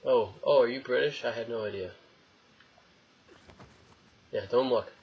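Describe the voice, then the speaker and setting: A young adult man with a mid-range, breathy voice gives casual, jokey let's play commentary at a measured pace. He rambles to himself and to the game as he plays, recorded on a dull lo-fi mic with faint noise.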